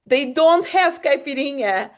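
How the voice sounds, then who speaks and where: A podcast host from Portugal, short on sleep, rambles through casual chat while laughing and cutting herself off. She has a high-pitched, expressive voice and a measured pace.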